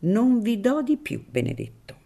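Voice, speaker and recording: A woman reading aloud voices a crafty, scheming male priest, drawing out her words slowly. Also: on the high side, very animated, creaky, mellow, pitched above the performer's own voice, full character voice. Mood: sly.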